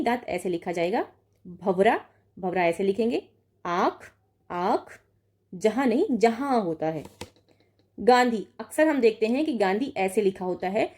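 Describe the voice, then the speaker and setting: A woman's voice: mid-range voice, warm tone. A young woman teaching an online exam-prep lesson, reading out word pairs and correcting each one with frequent check-ins. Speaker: Hindi exam tutor.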